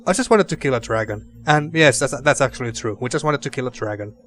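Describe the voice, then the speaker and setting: A man's voice: mid-range voice, expressive, fast talker, a bit bright, a little hiss or hum. A man hosting a let's play, commenting and reading game text aloud, often repeating and rephrasing himself.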